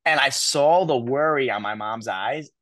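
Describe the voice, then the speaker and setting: A man in his thirties, a guest in an interview, telling his story in an animated way, restarting and quoting others. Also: medium pitch, normal speed, no room sound. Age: 30s. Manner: animated, repeats words, quotes people in his story. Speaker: guest speaker.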